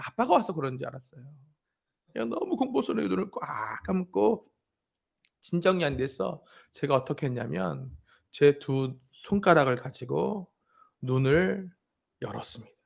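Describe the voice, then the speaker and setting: A man's voice: a little high, sing-song, moderate pace, gravelly. A man in his thirties preaching a sermon as pastor, addressing the congregation directly and telling a family story. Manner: storytelling, acting out his crying daughter's voice.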